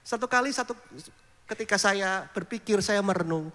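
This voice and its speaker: A man preaching in a church, his voice sitting high and ringing bright. He tells stories with animated mimicry of other people's voices, and a long hall reverb trails every phrase. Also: moderate pace. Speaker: pastor. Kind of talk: sermon.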